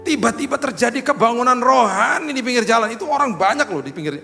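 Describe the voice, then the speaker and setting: A male pastor telling a sermon story with lively sound effects and acted asides. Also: extremely high pitch, fast, gravelly. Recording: echoey hall with faint music.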